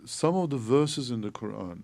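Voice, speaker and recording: A man from Turkey, a theologian guest on a podcast, explaining in a measured way with frequent hesitations. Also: mid-range voice, expressive, vocal fry, a little mellow. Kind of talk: podcast interview.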